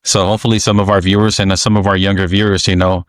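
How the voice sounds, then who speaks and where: A man from American Samoa hosting a podcast, telling stories in a relaxed, reminiscing way with halting restarts. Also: low-pitched, dry recording. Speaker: podcast host. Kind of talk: casual podcast storytelling.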